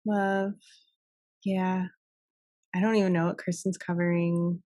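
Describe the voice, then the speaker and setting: A woman's voice: on the low side, little pitch movement, a little slow, dark tone. A woman co-hosting a podcast in a studio, joking bluntly and swearing casually. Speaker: podcast co-host. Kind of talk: casual chat.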